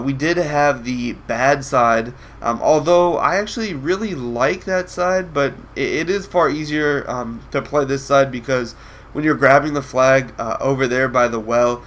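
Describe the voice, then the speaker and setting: Feeling ill, a young man with a nasal, blocked-up voice talks casually over a video game match, restarting sentences and saying um a lot. He speaks at normal speed in a mid-range, fairly bright voice.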